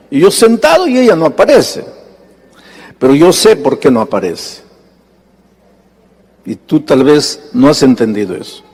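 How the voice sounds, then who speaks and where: Male pastor, slightly high voice, sermon with acted-out dialogue, long reverb of a big hall. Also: darkish tone. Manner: storytelling preacher, acting out dialogue with sudden high-pitched bursts.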